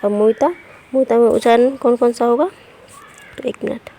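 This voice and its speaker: A woman's voice: a little high, steady tone, normal speed, dark tone, slight background noise. A woman giving an online language lesson. She explains step by step, reads letters and example words one at a time, and often checks in with "okay". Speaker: language teacher.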